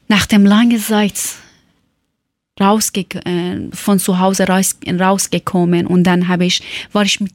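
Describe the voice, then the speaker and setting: Woman, young, from Iran, slow halting speech, searches for words, dry recording. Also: mid-range voice, no room sound. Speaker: former teacher telling her story. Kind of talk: personal testimony in learner German.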